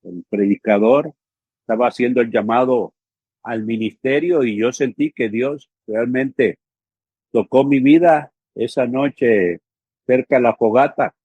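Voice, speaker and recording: A man's voice: medium pitch, measured pace, breathy edge, dry recording, phone-quality sound. A man in his fifties from El Salvador, a pastor talking earnestly in an interview and often checking in with little fillers. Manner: earnest, with frequent fillers like "¿sí?" and "ujú". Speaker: pastor and theological education coordinator. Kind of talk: conversational interview.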